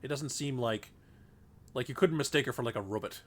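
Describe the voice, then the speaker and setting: A congested man streams a game and thinks aloud in casual commentary, rambling with lots of fillers. His medium-pitched voice moves fairly quickly, recorded on a desk microphone.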